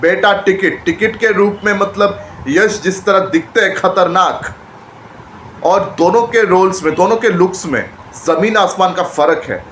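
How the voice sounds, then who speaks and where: A man reviewing a movie trailer in casual chat, retelling scenes excitedly and often repeating and restarting his phrases. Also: high-pitched, measured pace. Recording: echoey room with faint background noise.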